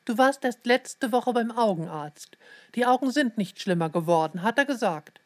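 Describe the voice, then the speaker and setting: A woman voicing a brisk, flustered mother who talks hurriedly, in a storybook reading. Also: medium pitch, natural voice.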